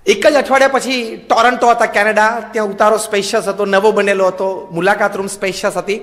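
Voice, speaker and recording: A high-pitched male monk delivers a sermon, telling stories with gentle humor and slowing down to stress short English phrases. His voice rings with a long hall reverb. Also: fairly even intonation.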